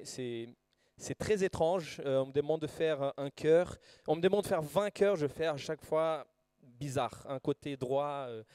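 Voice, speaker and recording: A man with a Brazilian Portuguese accent preaches to a congregation, moving between scripture reading and lively, self-mocking personal stories. His voice sits at an ordinary male pitch, and he often restarts sentences and says "euh." The sound is dry and close, with no echo. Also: smooth. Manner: animated, self-deprecating storyteller with frequent fillers and restarts. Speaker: guest preacher. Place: church service before a live congregation.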